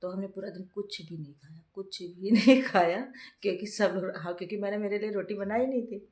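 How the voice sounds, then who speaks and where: A woman's voice: medium pitch, fairly even intonation, quick pace, dark tone, roomy sound. A woman who is a mother and vlogger, chatting casually at home while unwell with a fever. She tells a long story and often breaks into laughter. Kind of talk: casual home vlog chat.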